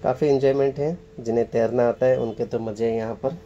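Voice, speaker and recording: A man's voice: medium pitch, steady tone, warm tone, muffled recording. A man giving a casual on-location tour, guiding viewers around a waterfall and pointing things out as he goes. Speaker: travel vlogger. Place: outdoors by a waterfall. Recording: faint noise from rushing water outdoors. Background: rushing water and outdoor ambience.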